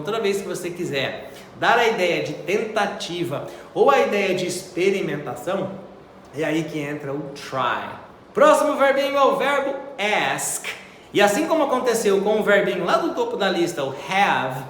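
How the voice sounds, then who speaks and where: A man with a Brazilian Portuguese accent teaches a video English lesson in a chatty, encouraging way, slowing down to model each pronunciation. His voice sits fairly high. The room is echoey, with a long reverb tail and a faint hiss behind him. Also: a bit bright.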